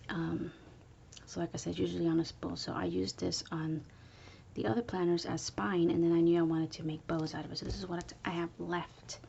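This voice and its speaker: Woman whispering a casual craft show-and-tell at home, low voice, hiss in the background. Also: little pitch movement, fairly quick, vocal fry, lo-fi sound. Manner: soft whispering, chatty, with fillers. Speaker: crafter showing handmade planners. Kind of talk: whispered early-morning craft video. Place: home, early morning.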